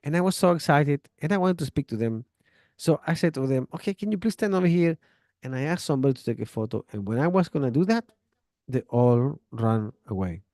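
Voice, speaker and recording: Relaxed and chatty, this man from Chile teaches English in a casual spoken lesson, sharing friendly advice and acted-out example conversations; Spanish is his first language. His mellow, warm voice is a little high and brisk, captured close and dry without room sound or echo.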